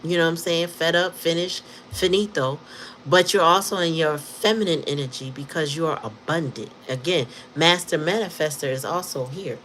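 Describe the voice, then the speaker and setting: A woman's voice: low-pitched, normal speed, a bit bright, slight background noise, poor audio. A woman giving a casual tarot reading, telling stories in slangy talk and laughing often. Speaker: tarot reader.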